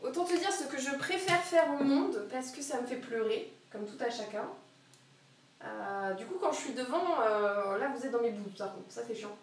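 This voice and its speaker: A woman's voice: on the high side, expressive, normal speed. Young woman, chatty live-stream cook, giggly, rambling, very echoey kitchen, faint background hiss. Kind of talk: casual live-stream chat while cooking. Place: home kitchen. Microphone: camera on a wobbly tripod across the kitchen. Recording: very echoey kitchen, voice far from the mic.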